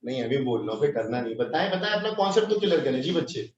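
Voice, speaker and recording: A man's voice: medium pitch, big pitch swings, fast talker. A man from Pakistan giving an English grammar lesson in a classroom, peppering it with questions to his students. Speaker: English teacher. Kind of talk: classroom lecture, mixing English phrases into Urdu. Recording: dull, roomy, distant online class audio.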